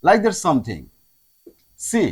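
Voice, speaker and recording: A man teaching a spoken lesson, mixing English phrases into his speech and drawing out each example word slowly. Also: high voice, wildly swooping pitch, husky. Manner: slow drawn-out word demonstrations.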